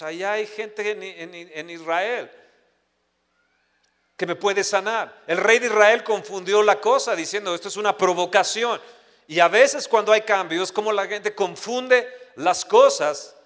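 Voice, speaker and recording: A man with a high, slightly bright voice preaches a sermon in an echoey hall with long reverb. He reads scripture aloud and then moves into personal stories, restarting often.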